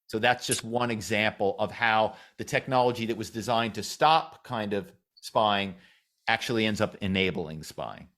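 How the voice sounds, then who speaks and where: A middle-aged man from Philadelphia, a former corporate spy and actor, telling animated stories in a podcast interview and acting out the voices he quotes. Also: fairly low pitch, moderate pace. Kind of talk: storytelling interview.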